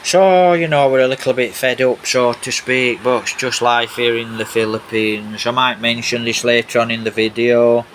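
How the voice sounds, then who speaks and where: A man's voice: medium pitch, moderate pace, hardly any pauses. A man giving a casual, rambling, repetitive vlog narration over video footage. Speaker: vlogger. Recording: steady background noise, rain on roof. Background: rain on a roof.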